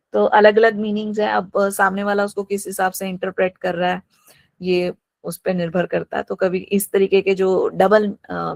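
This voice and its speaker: A woman's voice: medium pitch, no echo. A woman teacher giving an online class lecture, explaining each term through worked examples, mixing in English terms and often saying "absolutely". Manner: mixes English terms into her talk.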